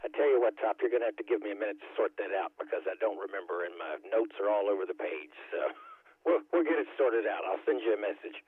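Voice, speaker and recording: Raspy guy running a ham radio net, tinny radio sound, halting, informal. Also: lowish voice, lively intonation, dry recording. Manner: informal, halting between procedural phrases. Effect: two-way radio transmission. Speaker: amateur radio net control operator.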